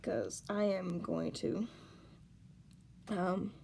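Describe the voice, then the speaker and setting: A woman talking to camera while upset and crying, halting, repeating herself and sighing. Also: lowish voice, fairly even intonation, gravelly, darkish tone, a little hiss or hum. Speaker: vlogger. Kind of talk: tearful personal reaction vlog.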